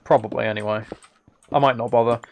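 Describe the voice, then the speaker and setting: Indoors at a computer, a man with a medium-pitched voice chats casually on a live game stream, talking fast and thinking aloud in a relaxed way close to the mic. A little hiss or hum is audible.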